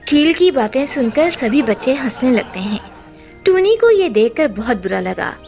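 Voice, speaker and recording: Expressive woman storybook narrator. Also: high voice, moderate pace, faint music behind.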